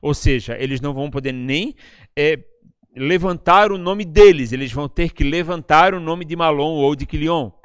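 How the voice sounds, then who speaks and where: A man's voice: fairly high pitch, moderate pace, clean tone, dry recording, studio quality. A man with a Brazilian Portuguese accent preaching a sermon in a conversational, teaching way, often checking in with his listeners. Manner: chatty, tags lines with questions to the listeners. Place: church service, live-streamed.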